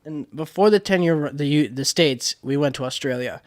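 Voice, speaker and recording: A man's voice: fairly high pitch, fairly quick. A man co-hosting a podcast, telling a story in casual chat, rambling with many restarts and frequent swearing. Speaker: podcast co-host.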